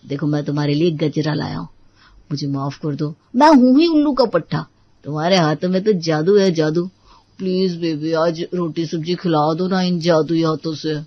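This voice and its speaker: A woman voicing a young husband who softly pleads and coaxes his wife with sweet talk. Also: deep voice, animated, normal speed, dry recording, muffled recording, voice pushed down. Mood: pleading. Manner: pleading, coaxing.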